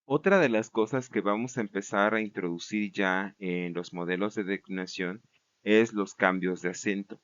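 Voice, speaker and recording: A man's voice: lowish voice, moderate pace, a bit bright, clean tone, muffled recording. A man giving a recorded grammar lecture, explaining patiently, repeating words and checking in with the class as he goes. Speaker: Greek grammar teacher.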